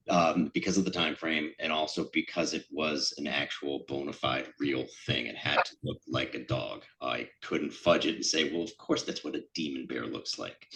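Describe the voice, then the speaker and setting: Very deep-voiced New England man. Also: gravelly, a bit bright. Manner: self-deprecating, rambling with many fillers. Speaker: sculptor presenting his work. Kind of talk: casual slide presentation. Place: event room.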